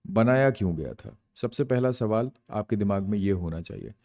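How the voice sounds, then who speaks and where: Low mellow-voiced male teacher. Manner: explains terms in Hindi and English, asks and answers own questions. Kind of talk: exam-prep lecture.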